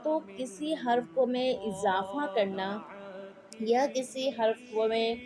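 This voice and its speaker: A woman teaches Quran reading at a deliberately unhurried pace. She explains patiently, repeats each point and keeps checking that her students follow. Music plays clearly underneath her voice. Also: on the high side. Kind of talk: slow explanatory lesson with spelled-out drills.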